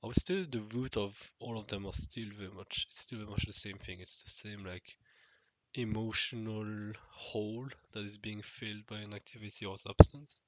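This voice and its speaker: In a rough recording, a man with a lowish, fairly bright, nasal voice speaks at a moderate pace with fairly even intonation. He's a vlogger musing solo and unscripted to the camera, hesitating often, using many fillers and restarting his sentences.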